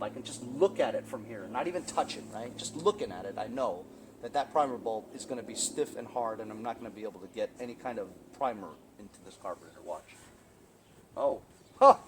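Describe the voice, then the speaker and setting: Chatty man explaining a mower repair outdoors. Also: mid-range voice. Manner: chatty, explains step by step, keeps asking "right?". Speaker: small-engine repair video host. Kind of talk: casual hands-on repair walkthrough. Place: outdoors in a sunny backyard. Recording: outdoor background noise.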